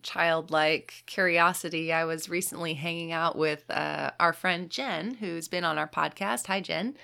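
A woman co-hosts a laid-back podcast chat. Her voice is low-set with a gravelly fry, and she tells stories with a laugh never far away. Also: unhurried, sharp tone. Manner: chatty storyteller, laughs often. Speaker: podcast co-host. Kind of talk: casual chat.

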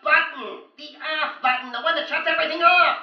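Frantic rambler, high and bright, echoey dull recording. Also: male voice, a little fast. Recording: lo-fi, roomy.

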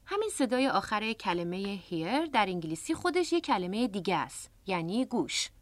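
Lively-voiced woman teaching on radio. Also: medium pitch, dry recording. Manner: patient, explanatory. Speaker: English teacher and radio host. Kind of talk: radio language lesson. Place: radio studio.

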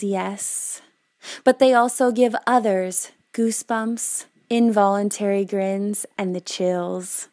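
A woman in her twenties gives a prepared speech at an unhurried pace, letting her words land between pauses. Her voice sits in an ordinary middle range, and she tells her story in a measured way. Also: medium pitch. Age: 20s. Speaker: speaker.

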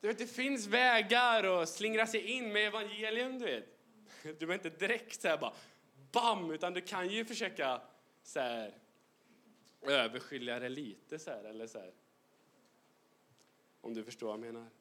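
A bright-toned man preaching in a church, lively and full of jokes. His voice sits high and sounds forceful, and he slips English phrases into his sermon. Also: pauses often. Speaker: youth pastor. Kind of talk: humorous sermon. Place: church hall.

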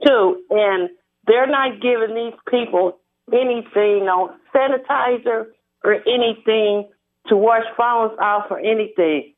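Woman caller on a tinny phone line. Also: fairly high pitch. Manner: hesitant, halting, with restarts. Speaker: radio show caller. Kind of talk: call-in radio.

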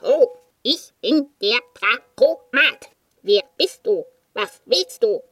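A woman's voice: fairly high pitch, lively intonation, takes it slowly, noisy background. A woman voicing a bored, muddled talking machine in a storybook, speaking in clipped, literal-minded phrases. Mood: fussy. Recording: loud clicks and phone noises.

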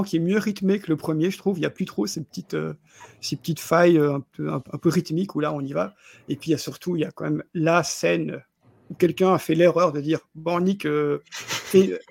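A man's voice: sits high, gravelly, darkish tone, husky, no echo. A man chatting casually about films on a podcast, stumbling and repeating his words as he goes. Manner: stumbling, repeats words often, chuckles while talking. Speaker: podcast co-host reviewing films. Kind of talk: casual film review chat.

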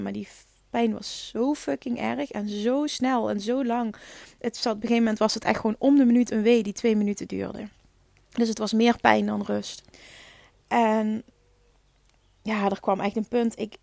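A woman's voice: mid-range voice, vocal fry, darkish tone, dry recording. A woman hosting a podcast, telling a personal story in a candid, frank way and repeating phrases for emphasis. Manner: frank, with occasional swearing. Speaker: podcast host.

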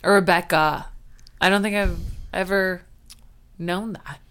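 A woman's voice: fairly low pitch, steady tone, unhurried, a bit bright, clean tone. A young woman co-hosting a casual podcast, chiming in with short replies and laughs. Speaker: podcast co-host. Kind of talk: casual chat.

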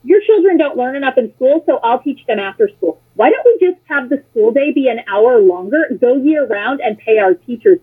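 The slightly rough, somewhat high voice belongs to an American woman, a former political candidate being interviewed as a guest. She chats casually through a muffled, lo-fi phone-like connection, telling opinionated anecdotes with blunt sarcasm and free swearing.

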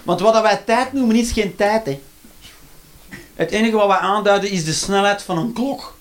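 A man's voice: sits high, normal speed, a little hiss or hum. A man in his thirties with a Flemish accent doing a rambling, sarcastic stand-up routine. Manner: rambling, sarcastic, repeats punchlines. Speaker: stand-up comedian.

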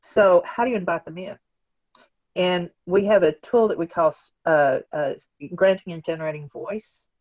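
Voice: medium pitch, normal speed, no echo. A guest expert explaining ideas in an earnest, conversational way, often asking questions aloud and checking in with "right?". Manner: earnest, talks in questions and acted-out quotes, tags "right?". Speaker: guest expert on organizational change. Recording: dull, dry lo-fi recording.

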